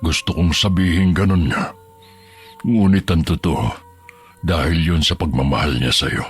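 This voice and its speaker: A man voicing a calm, grave older villager who tells dark secrets slowly in a horror audio story. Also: very deep voice, husky, soft background music, heavily acted.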